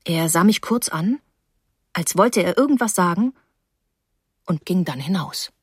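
A woman narrates an audiobook in a measured, even way, slow and a little low. The recording is dry and close. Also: breathy edge, no echo.

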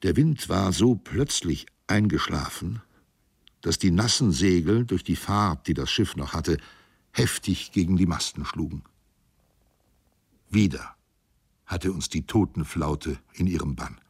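Deep, gravelly male narrator. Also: expressive, unhurried, no echo. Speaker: audiobook narrator. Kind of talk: scripted narration of a sea novel.

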